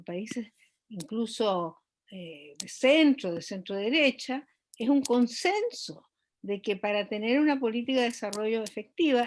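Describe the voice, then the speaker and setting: A woman economist speaking as an interview guest, explaining at length with frequent hesitations and restarts. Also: on the high side. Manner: measured, many hesitations and restarts.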